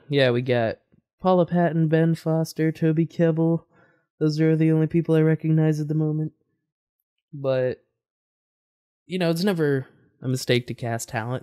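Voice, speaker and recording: A man's voice: on the high side, dark tone, clean tone. A man hosting a reaction video, talking casually and rambling with fillers and self-corrections.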